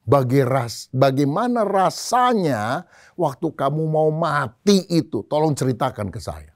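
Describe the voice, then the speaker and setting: A man's voice: fairly high pitch, sing-song, unhurried, dry recording. A man doing a jittery, good-natured rich farmer, sermon illustration, dry close mic. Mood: curious. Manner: pleading and flustered. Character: wealthy male farmer, friendly, easily frightened.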